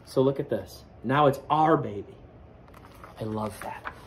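A man in his forties with an American accent reads a picture book aloud to a classroom, teacher-style, adding explanatory asides. His mid-range voice is expressive and a little slow. It's picked up indoors by a camera or phone a short way off, with a slight hiss or hum.

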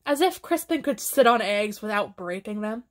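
A woman voicing a bossy, excitable little girl in a storybook read-aloud. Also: medium pitch, normal speed, lightly acted. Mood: firm.

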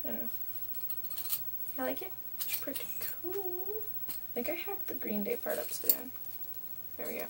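A woman's voice: high voice, very animated, moderate pace, long pauses. A young woman from Canada talking casually in a haul video, chatty and rambling with lots of fillers, in a small bedroom. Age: young adult. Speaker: vlogger. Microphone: webcam at desk distance. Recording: webcam mic from a distance, faint hiss.

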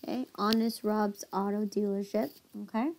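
A woman's voice: mid-range voice, fairly even intonation, moderate pace, a little mellow, a little hiss or hum. Patient woman tutoring accounting. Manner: patient, checks each step and prompts questions. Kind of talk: casual one-on-one tutoring.

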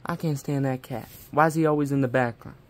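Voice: mid-range voice, steady tone, quick pace, close to an everyday voice. A puppeteer voicing a blunt, cranky older woman puppet in her sixties who rambles and grumbles in a puppet comedy sketch.

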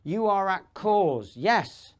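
A man giving a live seminar talk, emphatic and rambling, with restarts and asides, swinging between loud bursts and low asides. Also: lively intonation, slow pace. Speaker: seminar speaker. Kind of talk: live motivational talk to an audience.

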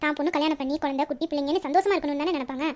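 A woman voicing a pushy young best friend, very high voice. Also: racing, darkish tone, lightly acted. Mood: coaxing. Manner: insistent, probing questions. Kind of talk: audio story reading.

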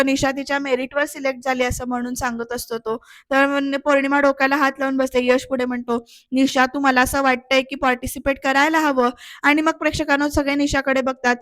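A woman's voice: high-pitched, a bit bright, no echo. A woman with a Marathi accent, chatting to viewers in a voice-over recap of a TV serial, retelling the characters' lines. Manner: chatty, addresses viewers directly, retells dialogue with light acting. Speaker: serial episode reviewer.

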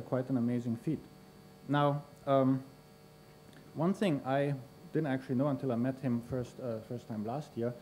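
An Austrian man hosting a conference introduces a speaker from the lectern of a large university lecture hall, using many fillers. His mid-range voice is mellow, picked up by the lectern microphone with slight background noise.

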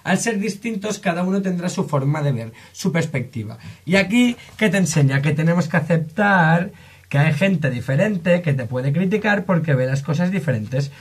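Man, Spain Spanish accent, husky, fairly high voice, chatty explainer, rhetorical questions. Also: expressive, normal speed. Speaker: music and psychology video creator. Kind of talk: casual explanatory vlog.

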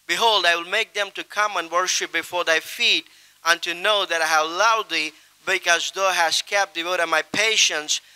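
A man's voice: sits high, fairly even intonation, normal speed, sharp tone, clear, resonant tone, poor audio. A middle-aged man, an evangelist, seated on a stage reciting a long Bible passage from memory into a handheld microphone in a solemn, declamatory way with emphatic rises.

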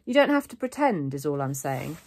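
A woman's voice: deep voice, very animated, fairly quick, no room sound, studio quality, exaggerated voice. A woman reading aloud, voicing a guarded, sulky ten-year-old boy who talks accusingly.

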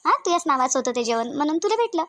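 A motherly older village woman fusses in a Varhadi accent for a cartoon, her voice high and her talk quick. She coaxes and repeats herself over and over. The recording is close and dry. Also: sing-song, fairly bright tone, no echo. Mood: comforting. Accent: Varhadi Marathi. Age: middle-aged. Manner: coaxing, fussing, repeats herself. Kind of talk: cartoon voice acting.

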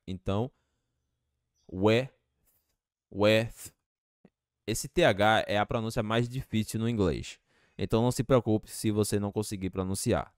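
A man teaching English to Portuguese speakers, slowly repeating each phrase with patience. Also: fairly low pitch, clean tone, no echo, studio quality.

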